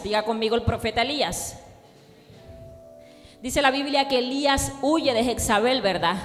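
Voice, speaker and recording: A woman pastor preaching a sermon with fervor, calling on the congregation to repeat after her and rising to shouts. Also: sits high, in a large hall. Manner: fervent preaching, rising to shouts, call and response.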